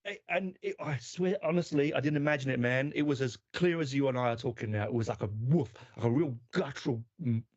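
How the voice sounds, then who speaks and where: A man's voice: mid-range voice, fairly quick, hardly any pauses. A man with an Australian accent telling a story in casual chat, acting out the quotes and swearing casually. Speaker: podcast guest or host. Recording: dull lo-fi sound.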